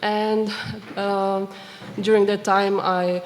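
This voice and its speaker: A woman introducing herself on a convention panel, halting and full of fillers. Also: medium pitch, level tone, noisy background. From Croatia. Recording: reverberant hall.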